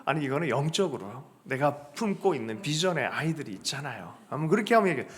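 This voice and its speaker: A male pastor preaching a Sunday sermon to his congregation, acting out quoted lines, asking the congregation to answer back, and building up to loud, emphatic high points. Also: sing-song, fast. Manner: chuckles and calls on the congregation to respond. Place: church sanctuary with congregation.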